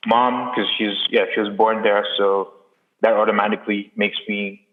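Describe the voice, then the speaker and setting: A young man from Sudan talks in a low, fairly flat voice. He answers casually and hesitantly, often restarting his sentences. The sound is thin and phone-like, with a roomy echo. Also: normal speed. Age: young adult. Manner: hesitant, many restarts and fillers. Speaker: interview guest. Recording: echoey, phone-like audio.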